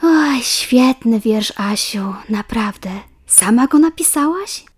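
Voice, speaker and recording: A woman's voice: a little high, animated, unhurried. Woman playing a kind coaxing teacher. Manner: warm, coaxing. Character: kind, caring female teacher.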